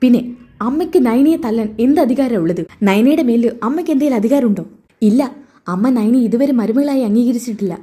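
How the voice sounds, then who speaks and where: A woman's voice: fairly high pitch, animated, a little fast, warm tone, breathy edge. A woman voicing a young husband who reproachfully questions his mother.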